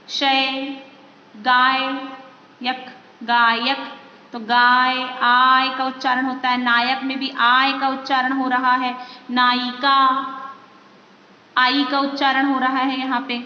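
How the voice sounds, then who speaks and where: A woman teaching a grammar lesson in a high, bright voice. She talks slowly and patiently, explaining step by step and putting questions to her viewers. The sound is echoey and slightly dull, with a long reverb. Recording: echoey dull room recording with faint noise.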